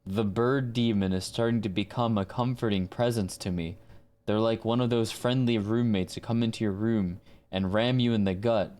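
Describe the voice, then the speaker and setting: A man with a lowish, fairly even voice talks at a moderate pace. He's a voice actor and live streamer, musing casually and playfully to his audience while soft plucked guitar plays behind him.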